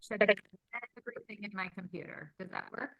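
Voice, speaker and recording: A woman's voice: medium pitch, brisk, vocal fry, a bit bright, dry recording, poor audio. Woman on a choppy, breaking-up video call. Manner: apologetic, checking whether she can be heard. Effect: choppy, fuzzy, breaking-up call audio. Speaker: research agency official on a panel. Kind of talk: answering a question on a video call.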